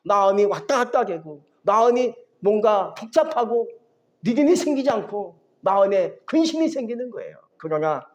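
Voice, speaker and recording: A man preaching a sermon as a pastor, lively, often asking the congregation questions and acting out biblical voices. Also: high voice, normal speed.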